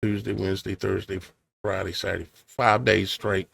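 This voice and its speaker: An online preacher, tired and with his voice starting to go, reads old scripture aloud in a measured cadence and muses on it through hesitant, questioning asides. His voice sits low and level, fairly bright in tone, with vocal fry.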